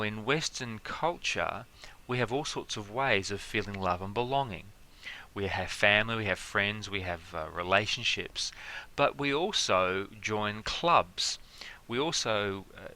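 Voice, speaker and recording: Male lecturer, lower register, bright tone, casual explainer style. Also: unhurried. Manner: conversational, many fillers and examples. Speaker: teacher.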